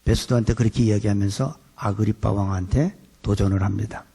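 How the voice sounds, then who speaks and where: A man's voice: on the low side, fairly even intonation, brisk, gravelly, mellow, breathy edge. A middle-aged male pastor preaching a sermon in a conversational way, acting out quoted lines in his talk.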